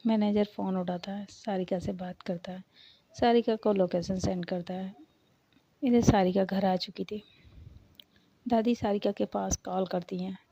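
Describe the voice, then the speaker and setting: A woman storyteller greeting listeners and narrating a romance story episode in a slow, measured way. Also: medium pitch, steady tone, dark tone, husky. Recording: dull lo-fi recording.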